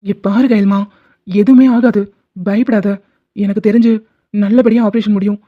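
A woman's voice: medium pitch, fairly even intonation, normal speed, close to an everyday voice. A woman voicing a caring young husband in a cartoon drama, speaking firmly and reassuringly. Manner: firm, reassuring. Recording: dull lo-fi sound.

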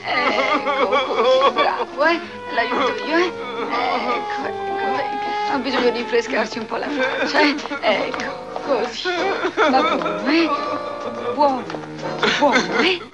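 A woman in a 1960s film soothing and coaxing a distraught man, patient and gentle, over a loud film score. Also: high voice, slow pace, over loud music.

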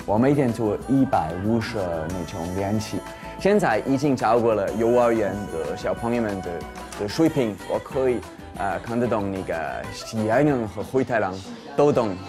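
Low-voiced young man, foreign-accented Mandarin. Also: animated, normal speed, hardly any pauses. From Switzerland. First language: not Chinese. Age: young adult. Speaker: dating show contestant. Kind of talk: narrated video self-introduction. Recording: music playing behind the voice.

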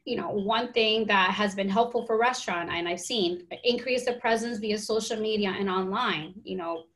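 A woman's voice: medium pitch, normal speed, fairly bright tone, rough recording. Hr lady on a webinar call listing tips, casual and practical. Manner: practical, conversational, many "you know"s. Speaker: HR consultant and webinar panelist. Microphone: video call.

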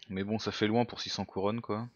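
A man's voice: fairly low pitch, little pitch movement, a little fast, dry recording, muffled recording, faint music behind. A man casually commenting on a game he is playing, thinking aloud and muttering to himself, now and then mocking his own moves. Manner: self-mocking. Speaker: let's play gamer.

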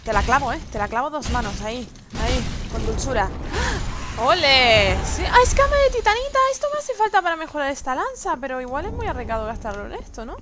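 Brief: high-pitched, animated woman streamer, exclaiming chatter, noisy home stream audio. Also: a little fast. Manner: excitable, exclaiming and chatting with viewers. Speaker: gaming streamer. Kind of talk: let's play commentary.

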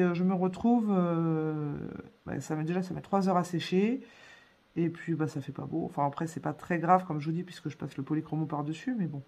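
A woman hosting a coloring tutorial in a casual voice-over, chatty and hesitant, filling pauses often. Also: fairly low pitch, darkish tone. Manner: chatty, hesitant, many fillers.

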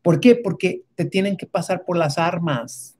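Husky woman asking rhetorical questions. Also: fairly low pitch, measured pace, a little mellow. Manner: keeps adding rhetorical tag questions; emphatic, with many restarts and hesitations. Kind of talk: casual opinion monologue.

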